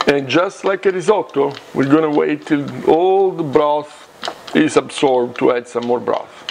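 Italian accent guy doing a casual cooking demo, gravelly voice, noisy kitchen behind him. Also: fairly high pitch, measured pace, darkish tone. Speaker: cooking show host. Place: home kitchen, indoors.

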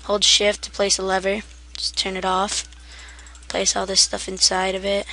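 A woman's voice: mid-range voice, monotone, moderate pace, pushed and bright, a little hiss or hum. A woman giving a casual, rambling game tutorial, half asleep and self-deprecating, with keyboard typing behind her. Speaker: gaming tutorial maker.

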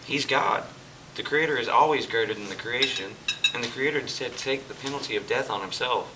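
A slightly quick, mid-range male voice with a bright, forceful tone plays Jesus in an amateur church production, patiently and earnestly explaining to a dinner guest. The delivery is lightly acted, and there's a bit of background noise. It was recorded indoors on a church hall stage by a distant camera, music audible in the back.

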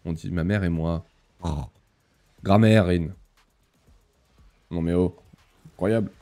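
A man's voice: deep voice, steady tone, normal speed, mellow, soft background music. A young man chatting casually on a live stream, reading the chat aloud, laughing often and using many fillers.

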